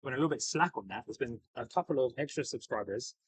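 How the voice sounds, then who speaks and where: A man's voice: medium pitch, lively intonation, fast, slightly rough, low-quality recording. A man with a broad New Zealand accent chatting casually as a livestream host, upbeat, matey and enthusiastic. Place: outdoors beside an airport.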